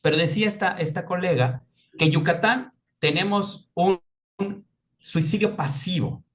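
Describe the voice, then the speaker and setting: A man's voice: high voice, normal speed. A middle-aged man giving a lecture-style talk on mental health. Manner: animated, acts out quoted voices.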